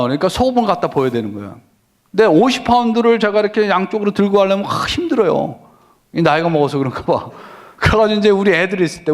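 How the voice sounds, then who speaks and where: A middle-aged pastor preaching a conversational sermon, who keeps asking the congregation questions and answers them himself. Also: male voice, high voice. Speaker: senior pastor.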